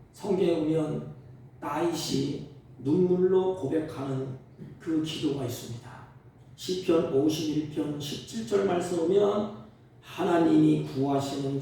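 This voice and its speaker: A male pastor preaching a Sunday sermon, swinging from loud exhortation to hushed, tender asides. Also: fairly high pitch, a little hiss or hum. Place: church sanctuary. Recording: roomy church sound from a distant mic.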